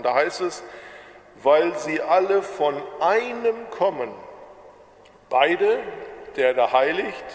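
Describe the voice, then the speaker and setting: A man from the Ruhr area preaching a sermon with a Ruhr German accent, slow and measured, drawing out his words. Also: a little high, echoey room, long reverb tail. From Bochum, Ruhr area, Germany. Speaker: pastor.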